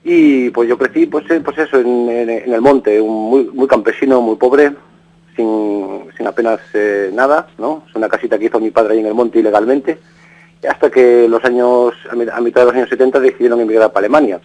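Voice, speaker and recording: This middle-aged man from Galicia has a medium-pitched, darkish voice and talks a little fast in a radio interview. Recounting things casually, he rambles, restarts his sentences and tacks on questions, all captured in low-quality audio.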